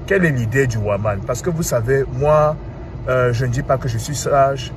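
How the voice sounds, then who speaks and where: A man's voice: mid-range voice, moderate pace. Cameroonian man talking by a road. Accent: Cameroonian French. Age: 30s. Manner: animated, asks rhetorical questions, repeats "hein". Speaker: commentator. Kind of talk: casual monologue. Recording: clear street and traffic noise.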